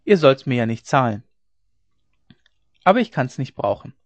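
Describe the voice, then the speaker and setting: A man's voice: mid-range voice, very animated, normal speed, no room sound, lightly acted. A man playing a sly vagabond horse dealer. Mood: wheedling. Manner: wheedling, cunning. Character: sly rough male vagabond horse seller. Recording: dry, dull lo-fi recording.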